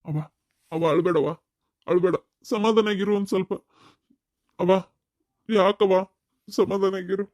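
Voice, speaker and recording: A man with a North Karnataka Kannada accent voicing a grown son in a cartoon family quarrel, demanding answers and calming his mother. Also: high-pitched, quick pace, no room sound, lightly acted. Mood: soothing. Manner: demanding, then coaxing and soothing. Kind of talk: cartoon voice acting.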